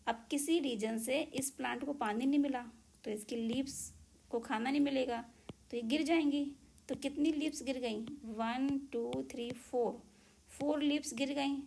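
A woman teacher giving a slow, patient counting lesson to young children. She counts objects aloud one by one and mixes English number words into her Hindi. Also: high-pitched, fairly even intonation, gravelly, a little mellow, a little hiss or hum.

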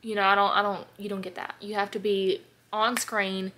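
A woman's voice: medium pitch, little pitch movement, moderate pace, bright, forceful tone. A woman in her twenties talking casually to camera in a beauty vlog, rambling with lots of "like" and "um". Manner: chatty, rambling, heavy use of "like" and "um". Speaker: beauty vlogger. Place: bedroom with vanity mirror, indoors. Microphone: camera on a desk or handheld at arm's length.

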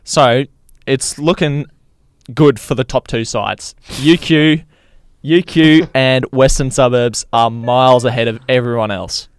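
Australian male sports co-host, conversational, clear tone, very little room sound. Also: mid-range voice, steady tone, measured pace, no room sound, clean studio sound. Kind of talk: casual sports chat and match recap.

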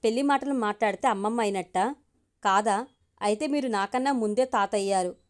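A woman voicing a tactful, witty wife who speaks softly and persuasively. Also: mid-range voice, fairly quick, close to an everyday voice. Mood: gentle. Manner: soft, persuasive.

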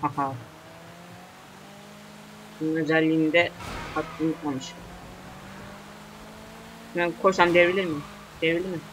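Bright-voiced young man grumbling over gameplay. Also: a little high, steady tone, a little slow, long pauses, slight background noise. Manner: grumbling, swearing, talking back at the game. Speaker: gamer. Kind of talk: let's play commentary.

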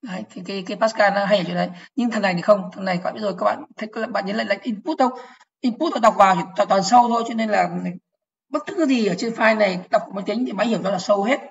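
A woman gives an online programming lesson to fellow teachers. She explains each step slowly, repeats key words and checks whether her listeners follow. Her voice sits at a middle pitch, and the recording sounds a little dull and lo-fi. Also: gravelly.

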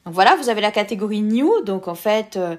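A woman's voice: mid-range voice, expressive, brisk. A woman hosting an app tutorial, explaining each step casually with filler words.

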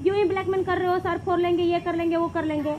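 By a road with faint traffic behind, a woman in a prank vlog argues heatedly with a male friend, scolding him insistently and repeating "ठीक है ना?". Her voice is very high, fairly even and fast, with the highs cut off.

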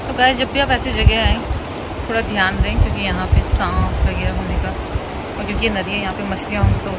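A woman's voice: mid-range voice, steady tone, fast talker, heavy background noise. A woman in her thirties from India, chatting to viewers by a forest river while filming on a phone held at arm's length. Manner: chatty, addresses viewers directly. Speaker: family vlogger. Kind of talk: casual travel vlog narration.

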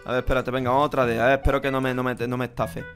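A young man with a Spain Spanish accent, talking through a game over voice chat, haggling and bursting into rapid repeated shouts. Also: medium pitch, flat delivery, music in the background. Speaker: gaming streamer. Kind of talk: live gaming commentary with voice chat.

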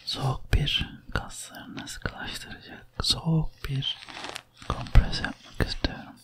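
A woman whispering softly in a soothing ASMR whispered role-play as a massage and sleep therapist. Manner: whispering, soft ASMR delivery; slow, soothing, hushed.

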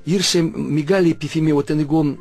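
Recounting his own testimony, a Russian-accented archimandrite in his sixties pauses to search for words and keeps correcting himself. His voice is on the high side, gravelly and darkish, and his tone holds steady.

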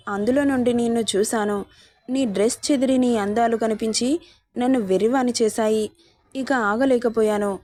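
A woman's voice: on the high side, a little mellow, no echo, natural voice. A woman voicing a leering villainous brother-in-law. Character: scheming lustful man, brother-in-law villain.

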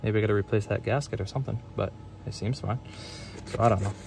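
A man with a low-pitched, gravelly voice walks through his service van, naming parts and tools one after another with plenty of "um"s. He talks in a loose, unscripted way. The audio is noisy, with a steady hiss behind him. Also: quick pace. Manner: rambling, list-like, many fillers. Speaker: self-employed HVAC technician. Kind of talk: casual van tour walkthrough. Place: inside a work van.

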